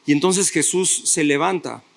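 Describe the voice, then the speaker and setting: A man's voice: fairly high pitch, normal speed, gravelly. A male pastor preaching a sermon, retelling stories and putting rhetorical questions to his listeners.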